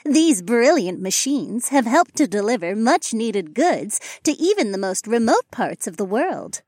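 A man's voice: very high voice, very animated, a little slow, darkish tone, no room sound, clean studio sound, voice pushed up, full character voice. A man voicing a female AI assistant who speaks in a stiff, advertising-like tone. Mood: promotional. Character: female AI assistant, formal promotional tone.

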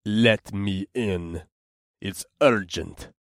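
An actor playing a large, disapproving orc bartender with a gruff, hissing voice, slow and stern. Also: male voice, on the low side, dry recording, studio quality, pitched below the performer's own voice.

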